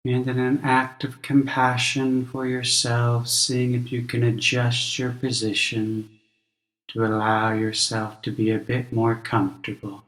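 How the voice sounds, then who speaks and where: Completely flat in delivery, a man's mid-range voice leads a guided meditation, speaking gently and instructively with measured, long pauses. He's a teacher, recorded roughly in an echoey room.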